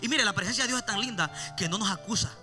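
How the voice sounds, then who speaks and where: A man preaching an impassioned evangelical sermon, repeating his refrains and swelling loud, then dropping low. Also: quick pace, over music. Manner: impassioned, repeats "mi amado hermano".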